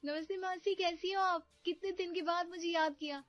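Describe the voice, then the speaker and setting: A woman voicing a sweet, polite newlywed young niece who speaks softly. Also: extremely high pitch, fairly even intonation, normal speed, dry recording, dull audio, faint music behind, pitched above the performer's own voice. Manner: sweet, polite, soft-spoken.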